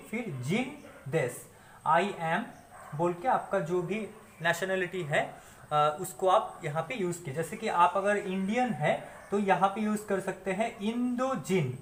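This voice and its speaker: High-voiced Indian man teaching Japanese. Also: reverberant, slight background noise. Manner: slow, careful model phrases between quicker explanations; fillers and restarts while explaining. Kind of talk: spoken language lesson.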